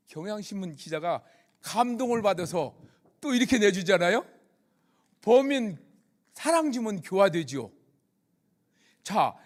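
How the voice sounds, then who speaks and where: A middle-aged man, a police chaplain, giving a church testimony as animated storytelling with questions to the audience. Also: sits high.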